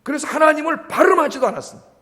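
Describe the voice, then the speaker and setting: High-voiced pastor preaching in a reverberant church. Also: male voice, expressive, very fast, pushed and bright. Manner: asks the congregation questions and acts out calls. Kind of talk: sermon. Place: church sanctuary.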